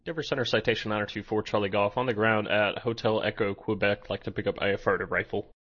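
Low-pitched man, pilot radio readback. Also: fairly even intonation, quick pace, a bit bright. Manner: procedural phraseology. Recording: dull, lo-fi radio sound.

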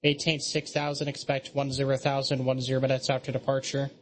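Flat-toned male air traffic controller. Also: medium pitch, a little fast. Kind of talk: procedural air traffic control radio calls.

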